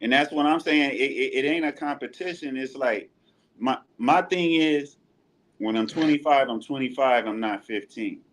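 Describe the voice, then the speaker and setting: A man talking in a rambling, halting way in a casual podcast chat. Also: mid-range voice, a bit bright, slight background noise. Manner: rambling, halting, with many restarts.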